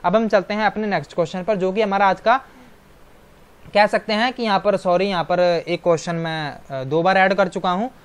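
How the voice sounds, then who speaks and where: A man teaching an online exam-prep lesson, walking through answer options and often checking in with a quick "right?". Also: high-pitched, steady tone, clean tone. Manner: explanatory, keeps adding "right?" tag questions.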